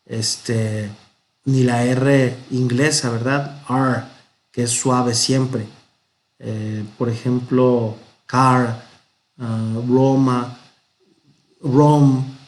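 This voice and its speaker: Slow, patient Mexican man teaching. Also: mid-range voice, level tone, a little mellow. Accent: Mexican Spanish. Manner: patient, explains step by step, pronounces examples slowly. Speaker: Hebrew teacher. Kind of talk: unhurried grammar lesson.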